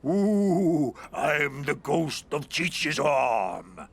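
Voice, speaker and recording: A man's voice: on the high side, sing-song, extremely slow, slight background noise, full character voice. An actor playing a mischievous, goofy man in an adult cartoon, taunting and theatrical.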